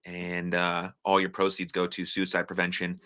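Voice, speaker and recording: This young man from the United States hosts a live stream in a low voice with a bright, forceful edge, though his delivery is completely flat. Loose and unscripted, he chats encouragingly with viewers and fills pauses with many "uh"s.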